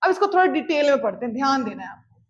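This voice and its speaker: A woman teaching a chemistry lecture who mixes in English terms, dictates definitions slowly and keeps checking that students follow. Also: sits high, very animated, highs cut off. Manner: checks in often with "clear?", calls students "beta". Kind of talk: classroom lecture.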